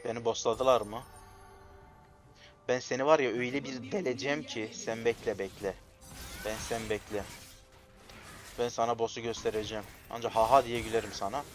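A young man commentating his own gameplay, excitable and quick to frustration, shouting at his teammates. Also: mid-range voice. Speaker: gamer streaming gameplay. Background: game music.

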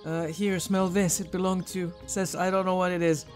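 A man with a fairly high voice gives casual playthrough commentary. He thinks aloud and reacts to the game, with game music faintly behind him. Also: level tone, moderate pace. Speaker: gaming video host.

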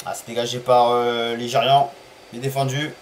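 A man streaming a football management game live, chatting to viewers, apologizing for stream bugs and calling plays with bursts of excitement. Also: mid-range voice, moderate pace, a little hiss or hum, low-quality recording. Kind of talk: live gameplay commentary.

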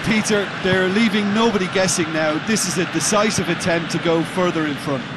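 A man giving measured, reflective co-commentary for a football video game. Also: sits high, natural voice. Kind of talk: video game match analysis. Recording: studio voice over loud crowd noise.

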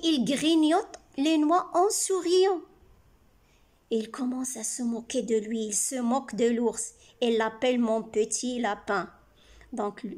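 A woman teaching young children speaks slowly in a high voice. She reads a story aloud and keeps stopping to explain words, repeating and rephrasing them. She asks the class questions and then answers them herself. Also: darkish tone.

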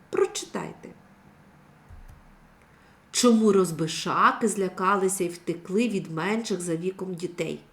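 A woman teacher giving a recorded reading lesson for young children, speaking clearly and instructively. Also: mid-range voice. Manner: slow, clearly articulated, instructive. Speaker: primary school teacher.

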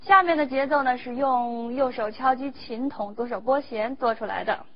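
Female music teacher, higher voice, measured explanatory delivery; dull recording, faint instrument behind. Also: very noisy. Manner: measured, explanatory, demonstrates between phrases.

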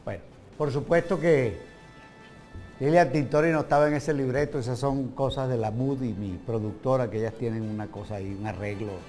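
A man's voice: medium pitch, moderate pace, a little mellow, faint music behind. Sarcastic older man hosting a TV show. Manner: sarcastic, dropping to a mutter. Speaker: TV show host. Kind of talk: opinion commentary. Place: television studio set.

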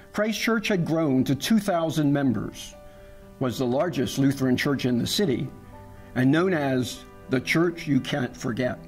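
A man giving calm, measured scripted narration for a church history documentary. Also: mid-range voice.

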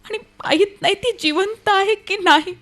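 An anguished young woman in an old-fashioned radio play. Her voice is high and emotional. She speaks in halting, dramatic phrases, weighed down by grief for her sister. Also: fairly bright tone. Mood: grieving. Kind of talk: radio play acting, old radio show manner.

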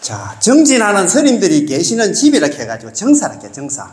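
A man, a Buddhist monk, teaches a class in a casual lecture style with a lilt. His voice sits fairly high and swings up and down a lot. He keeps asking his listeners to agree, and the room adds a clear echo. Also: wildly swooping pitch, a little fast, a little mellow.

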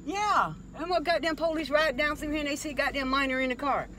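A middle-aged woman scolding and swearing loudly at her daughter from inside a parked car. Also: high voice, a little fast, slight background noise. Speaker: prankster's mother. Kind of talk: heated profane scolding in a car.

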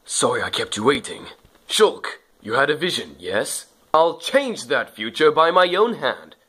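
A man's voice: mid-range voice, big pitch swings, a little slow, fairly bright tone, husky, full character voice. A young man switching into an impression voice of a bold, stern, confident heroic swordsman. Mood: defiant. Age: young adult.

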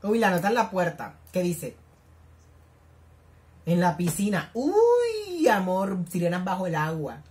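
A woman giving reaction commentary as a YouTuber, excitable and gushing, full of exclamations. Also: lowish voice, a little slow, long pauses.

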